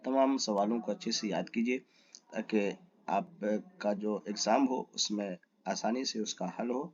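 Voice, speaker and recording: A man's voice: on the low side, highs cut off. A man teaching a lesson. He reads exam questions and their options aloud, asks for the right answer and then gives it.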